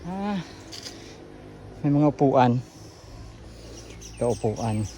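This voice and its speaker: A man's voice: mid-range voice, lively intonation, very slow, mellow, a little hiss or hum. Winded man vlogging outdoors. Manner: chatty, talks to viewers while exploring. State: out of breath. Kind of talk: casual running vlog narration. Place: outdoors on a hillside trail.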